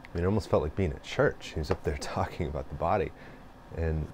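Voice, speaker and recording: A man hosting a reflective monologue, speaking slowly and thoughtfully with many pauses and fillers. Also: extremely low pitch, background noise. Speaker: host.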